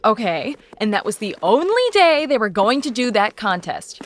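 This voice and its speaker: A woman's voice: a little high, sing-song, normal speed. A woman playing an anxious young traveler who worries aloud in an audio drama. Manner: worried and puzzling things out aloud. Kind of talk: musical audio drama acting.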